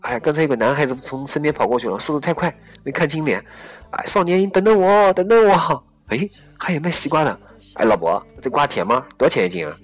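A man doing a young woman runner in a breathless, cursing rush. The voice rides well above his own pitch and tumbles out fast. She exclaims and swears at everything around her. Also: big pitch swings, faint music behind. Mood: frantic. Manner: frantic exclamations and curses.

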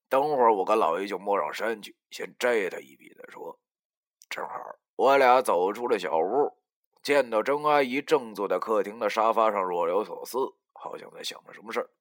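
Man, audiobook narrator, low-pitched, very animated, wry, colloquial. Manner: lively, colloquial, wry, cursing. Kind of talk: first-person audiobook narration.

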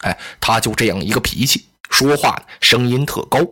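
A male storyteller voicing a courteous, gentle lord who speaks politely and calmly, in a Chinese oral storytelling style. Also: mid-range voice, moderate pace, pitched below the performer's own voice. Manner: polite, calm, soft-spoken.

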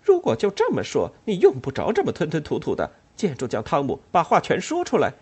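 A man voicing a fiery, defiant woman who shouts scornfully in an audiobook. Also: lowish voice, huge pitch swings, quick pace, gravelly, husky, voice pushed up, exaggerated voice. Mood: defiant shouting.

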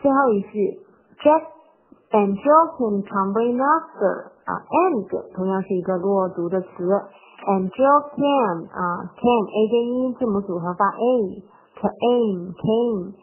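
A woman's voice: mid-range voice, slow pace, slight background noise. A woman teaching English pronunciation, patiently repeating single words and sounds. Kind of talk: explaining pronunciation of a nursery rhyme. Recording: tinny phone-like sound.

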